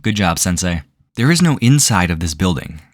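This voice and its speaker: A man's voice: low-pitched, big pitch swings, moderate pace, dry recording. A man giving sarcastic video commentary as a reviewer, with a dry, incredulous way of asking questions.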